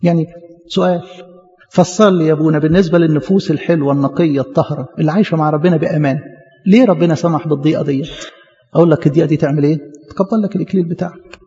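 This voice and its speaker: A man's voice: fairly high pitch, steady tone, rapid-fire, mellow. A male priest with an Egyptian Arabic accent preaching a sermon, passionately acting out biblical dialogue with his voice rising. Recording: dull audio with long church reverb.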